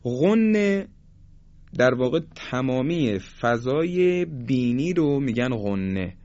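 A man teaching a recorded lesson on Quranic tajweed pronunciation. He speaks formally and politely and slows down to demonstrate letter sounds. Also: medium pitch, animated, a little mellow, no echo. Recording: dry, dull lo-fi sound.

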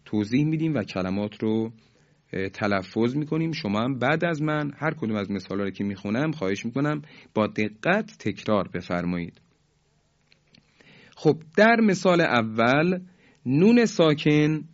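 Man, recitation teacher, formal and polite, drawn-out examples, mid-pitched voice, slightly muffled recording. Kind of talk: recorded tajweed lesson.

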